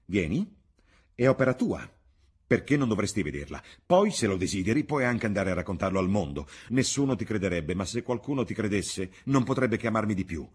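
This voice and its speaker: A haughty young man full of scorn, sneering as he talks, voiced by a male audiobook reader. The voice sits low and husky, with a breathy edge. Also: very animated, a little fast. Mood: defiant. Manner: sneering, mocking speech. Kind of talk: audiobook reading.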